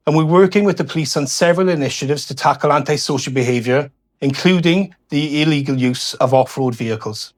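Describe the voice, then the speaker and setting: A man giving a scripted public address as a local councillor, speaking in a formal, measured way. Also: fairly high pitch. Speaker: local councillor, cabinet member.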